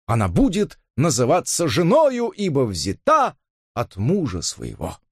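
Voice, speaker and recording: A tearful, pompous preacher, as a male narrator puts him on, pleading in a high, trembling declamation. The voice swoops wildly through its range. The recording is close and dry. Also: wildly swooping pitch, measured pace, slightly rough, no echo, heavily acted. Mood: pompous quoting.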